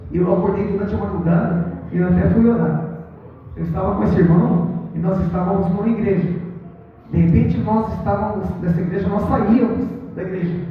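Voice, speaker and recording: Male preacher, high voice, sermon story; distant, thin phone-like recording in a booming hall. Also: slight background noise. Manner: storytelling, addresses the congregation as brothers. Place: church hall.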